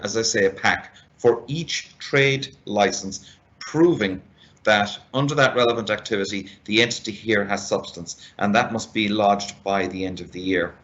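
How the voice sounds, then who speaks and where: A fairly low male voice on a dull, lo-fi recording. He presents as an expert, walking listeners through rules step by step in a methodical, deliberate manner. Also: fairly bright tone. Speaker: expert speaker on business regulations. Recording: dull, lo-fi band-limited sound.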